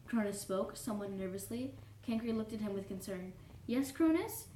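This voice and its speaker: A prim, easily offended young troll, played by a woman, reads aloud in a formal, pedantic tone, stopping to correct and apologize. The voice is mellow and a bit dark. It is heard from a distance in an echoey room with faint background noise. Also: medium pitch, expressive, normal speed, natural voice. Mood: prim, fussy. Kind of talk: cosplay character reading fanfiction aloud. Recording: roomy echo, distant mic, faint noise.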